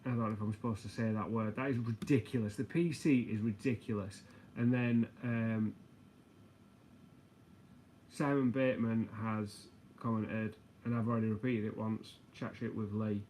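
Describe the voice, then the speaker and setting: A man's voice: on the low side, fairly even intonation, moderate pace, a little mellow, a little hiss or hum. A man hosting a casual livestream, rambling, joking and reading out viewer comments. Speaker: livestream host. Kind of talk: casual live chat.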